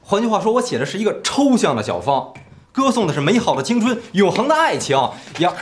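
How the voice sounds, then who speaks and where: An actor playing a boastful, flirtatious engineer who pleads and justifies himself in a TV drama. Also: male voice, sits high, big pitch swings, fast, full character voice. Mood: pleading. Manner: smooth-talking, pleading, indignant. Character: boastful philandering male engineer, self-justifying. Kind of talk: TV period drama acting.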